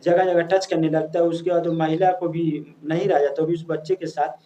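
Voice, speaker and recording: A man's voice: fairly high pitch, level tone, a little fast, mellow. A man narrating a story in a casual, chatty way, addressing his listeners as friends, with frequent restarts and fillers.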